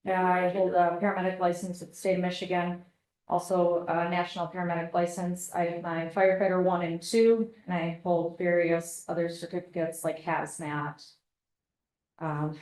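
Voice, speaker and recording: A woman testifying in court as a paramedic, polite and measured, heard as a courtroom recording. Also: fairly low pitch, level tone, darkish tone. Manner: polite, measured, answering with "yes, sir". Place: courtroom witness stand. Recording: echoey courtroom audio.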